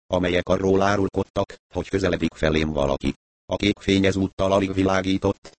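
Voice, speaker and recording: A man reading a first-person mystery story aloud, in measured storytelling narration. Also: deep voice, dry recording. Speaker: audiobook narrator.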